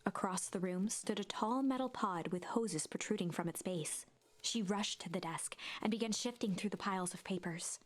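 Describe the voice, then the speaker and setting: A woman giving scripted storybook narration for a video game, in a hushed, suspenseful telling. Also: medium pitch, normal speed, close to an everyday voice.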